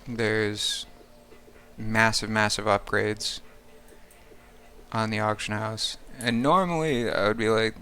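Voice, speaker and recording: A man's voice: lowish voice, fairly even intonation, takes it slowly, pauses often, bright, forceful tone, a little hiss or hum. A man streaming a game live, rambling casually and thinking aloud with lots of fillers. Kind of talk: casual live-stream commentary while playing.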